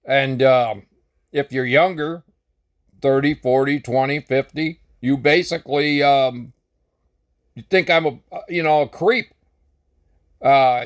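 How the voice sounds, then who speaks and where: An older American man telling a long, rambling dating story in a casual, blunt and sometimes profane way. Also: medium pitch. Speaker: vlogger.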